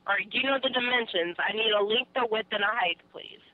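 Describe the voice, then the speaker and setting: She speaks fast in a mid-range voice without echo, a woman handling shipping customer service on a phone call from the other end, heard through a muffled narrowband line.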